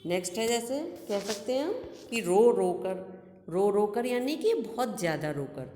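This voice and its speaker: A woman's voice: mid-range voice, expressive, moderate pace, dark tone, faint music behind. A woman teacher giving a recorded grammar lesson, patiently explaining each example twice. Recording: echoey room with long reverb.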